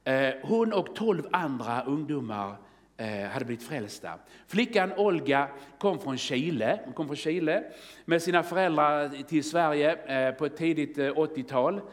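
Fervent preacher man in a reverberant hall. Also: on the high side. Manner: storytelling, exclaims halleluja, rises to excited testimony. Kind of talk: sermon. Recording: long reverb of a church hall.

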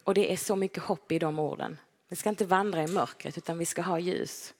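A woman preaching a gentle, personal sermon in a church, now and then acting out short quoted lines. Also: on the low side. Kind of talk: conversational sermon. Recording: long hall reverb.

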